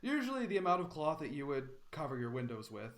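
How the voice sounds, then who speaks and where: A man's voice: fairly high pitch, big pitch swings, fast talker, a little hiss or hum. A man narrating as game master in a tabletop role-playing session, hesitant with many fillers.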